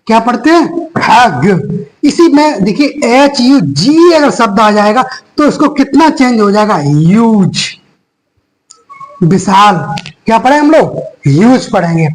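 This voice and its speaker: Teacher drilling phonics, question then answer. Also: low-quality recording. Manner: asks each question, then answers it in a lower voice; slow, repetitive drilling, spells out letters one by one. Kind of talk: phonics lesson for young children.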